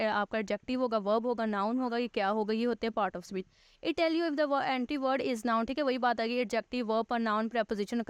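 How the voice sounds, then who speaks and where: A woman teacher, giving a recorded grammar lesson. She reads English text slowly, then patiently explains it step by step, rephrasing points. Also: on the high side, clean tone, dry recording, studio quality.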